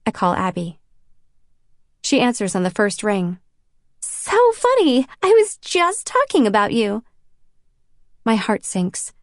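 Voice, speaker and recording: A woman reading a first-person audiobook in an even, intimate storytelling voice. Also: mid-range voice, no room sound, clean studio sound. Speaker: audiobook narrator.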